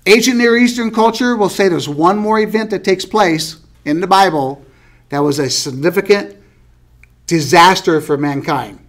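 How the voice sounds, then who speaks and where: High-voiced man teaching a Bible class. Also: normal speed. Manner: conversational, asks the class questions, light laughs.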